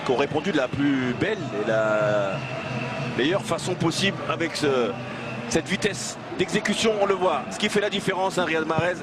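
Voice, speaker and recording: A man's voice: a little high, animated, normal speed. A man giving live match analysis as co-commentator, explaining the play in an analytical way. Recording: live broadcast with loud stadium noise. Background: loud stadium ambience.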